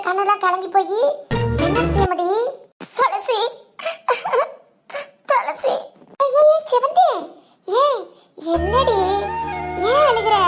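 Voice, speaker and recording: Woman doing a caring cartoon village friend, southern Tamil accent, coaxing, gently scolding, very high voice, background music. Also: heavily acted. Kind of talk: cartoon voice acting.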